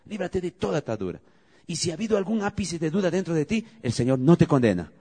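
A man's voice: a little high, big pitch swings, fast, darkish tone, slightly rough. A man preaching a sermon as pastor, calling out questions to the congregation and leading prayer with rising emphasis.

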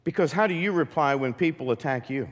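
A man's voice: on the high side, brisk. Preaching man in an echoing church. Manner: animated, asks the congregation many questions. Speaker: pastor. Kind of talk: sermon. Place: church sanctuary.

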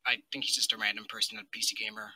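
Bright-toned male caller over the phone. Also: lowish voice, little pitch movement, rapid-fire, dry recording, poor audio. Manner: earnest, inquisitive, lays out background before asking. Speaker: first-time caller to a call-in show. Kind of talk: casual call-in question.

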